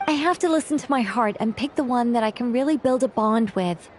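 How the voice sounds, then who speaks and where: A woman playing a dainty, fussy young woman in a video game, expressive and thinking aloud. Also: a little high, fairly quick, slight background noise, natural voice. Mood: delighted, torn. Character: bright, dainty young woman, fussy and gushing over pretty things. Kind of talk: video game character acting. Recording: music playing behind the voice.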